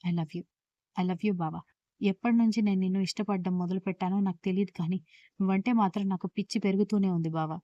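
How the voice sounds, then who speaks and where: A woman's voice: medium pitch, steady tone, fairly quick, mellow, dry recording, dull audio, close to an everyday voice. A woman voicing an anxious young bride who pleads with her husband, in a storybook reading. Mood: pleading. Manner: pleading, tearful appeals.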